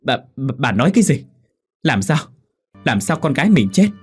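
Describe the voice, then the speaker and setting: A man's voice: medium pitch, very animated, moderate pace, a little mellow, husky, faint music behind, pitched above the performer's own voice. Man doing a stammering shocked old father.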